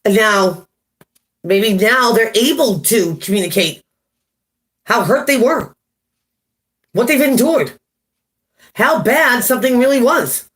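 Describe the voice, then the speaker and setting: A woman's voice: on the high side, animated, slow, pauses often, fairly bright tone. A woman giving a casual live-stream tarot reading, chatty, laughing at her own jokes and greeting viewers by name. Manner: chatty, laughs at herself often. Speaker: tarot reader.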